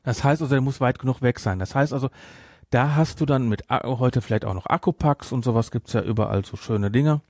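A man with a German accent co-hosts a podcast, chatting casually about films and explaining things in a rambling way, frequently correcting himself. His voice is medium-pitched with a darkish tone and a brisk pace, recorded at studio quality with no echo.

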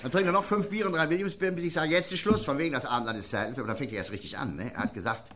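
A man's voice: medium pitch, rapid-fire, pushed and bright, a little hiss or hum. A man who tells a comic story in a chatty way and often ends his phrases with a questioning tag. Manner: chatty, tags lines with "ne?". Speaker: comedian.

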